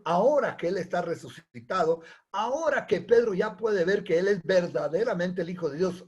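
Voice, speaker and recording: A man preaching a sermon, animated, acting out quoted prayers and dialogue. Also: high-pitched, husky.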